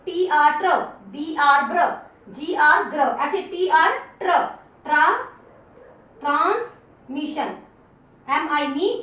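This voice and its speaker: Woman teacher, high voice, spells words letter by letter and repeats them; recorded far from the mic with a dull tone. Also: fairly bright tone. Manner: patient, repeats each word for the learner. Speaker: English teacher. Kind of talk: spoken spelling lesson. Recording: very echoey room, far from mic, dull sound.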